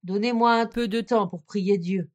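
A woman voicing a frightened young wife, pleading in high, slow, drawn-out calls in a storybook reading. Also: fairly even intonation, natural voice.

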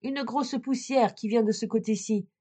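A woman voicing Sister Anne, a young woman calling down from a tower, mostly calm in a storybook reading. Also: on the high side, normal speed, slightly rough.

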